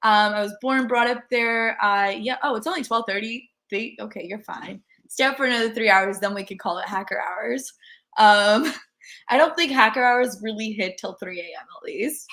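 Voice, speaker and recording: A young Indian woman whose first language is Telugu hosts a livestream workshop, chatty and upbeat, reading the chat aloud as she goes. Her voice is on the high side and fairly bright, at a normal speed.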